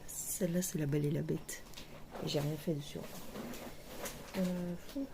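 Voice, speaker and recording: Woman vlogger, casual self-mocking chat, creaky gravelly voice, drifts to near whispers, faint noise behind. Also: low voice, steady tone, measured pace. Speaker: cross-stitch vlogger. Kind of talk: casual chat showing her stitching.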